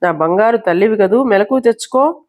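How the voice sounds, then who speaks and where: A woman's voice: medium pitch, fairly quick, darkish tone, natural voice. A woman storyteller voicing an anxious, devoted elderly male servant who talks in a worried, pleading, tender way. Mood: coaxing.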